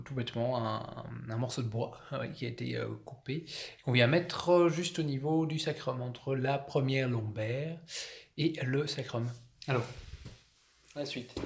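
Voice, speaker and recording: A man's voice: mid-range voice, a bit bright. A man coaching viewers casually, demonstrating massage tools while talking, often hesitating and restarting, filmed on a phone indoors. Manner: chatty, hesitant, showing objects while talking. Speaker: fitness coach. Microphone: phone camera.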